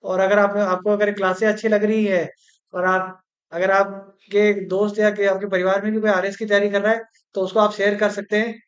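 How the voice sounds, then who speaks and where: Flat-voiced teacher slowly spelling out words. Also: mid-range voice, lo-fi sound. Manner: slow, repetitive, spells out syllables; mixes English words into Hindi. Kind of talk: exam-prep grammar lesson.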